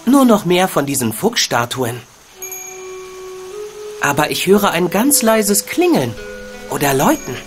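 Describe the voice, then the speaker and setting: Game casting: earnest young boy hero, wondering aloud, animated, over prominent music. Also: mid-range voice, a little slow, long pauses. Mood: curious. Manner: musing, wondering. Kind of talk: adventure game narration of own thoughts.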